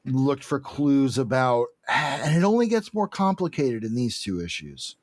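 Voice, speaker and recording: A male podcast co-host chats casually about comic books, hedging, wandering, and frequently correcting himself. His mid-range voice is a little mellow and swings widely in pitch, his pace is unhurried, and the recording is dry.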